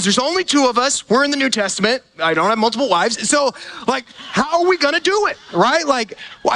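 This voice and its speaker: A man's voice: very high voice, pushed and bright. A man preaching a sermon as pastor, in a conversational way full of fillers and repeated words. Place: church gathering.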